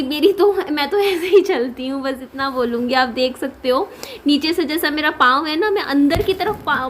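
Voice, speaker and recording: A young woman with a high, bright voice talks chattily to her viewers in a casual family vlog, often breaking into laughter between loose, hesitant sentences. A faint hiss of background noise sits under her voice. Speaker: vlogger.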